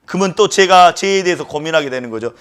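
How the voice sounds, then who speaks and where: A man's voice: on the high side, lively intonation, quick pace, a bit bright, clear, resonant tone. A male pastor preaching a sermon who keeps questioning the congregation and stresses his points emphatically.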